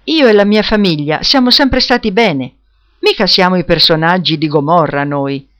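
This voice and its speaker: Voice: mid-range voice, animated, normal speed, fairly bright tone, lightly acted. A reader doing a jovial young guy. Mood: friendly. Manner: laughing, teasing, emphatic. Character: jovial young Neapolitan man, teasing and generous.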